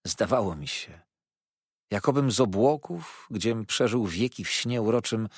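A man narrating a classic novel in the first person, with an expressive, dreamy storytelling manner and a husky voice. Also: lowish voice, unhurried, dry recording, clean studio sound. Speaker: audiobook narrator.

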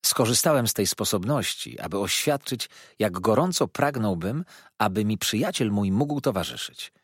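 A man narrating a classic novel as an audiobook, in an expressive, storytelling manner. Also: fairly low pitch, normal speed, husky, no echo, studio quality. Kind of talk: scripted narration.

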